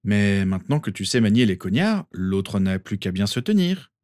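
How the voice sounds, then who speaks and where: A man's voice: lowish voice, big pitch swings, moderate pace, a little mellow, no room sound, studio quality. Man doing a joking young wizard. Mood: teasing. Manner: light, joking.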